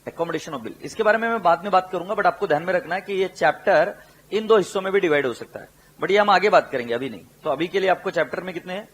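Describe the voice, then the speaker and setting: A male accounting teacher giving a recorded lecture, mixing Hindi and English, dictating headings slowly and quizzing his students. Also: sits high, a bit bright, breathy edge, low-quality recording. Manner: mixes Hindi and English, asks students questions; dictates slowly, stretching key words.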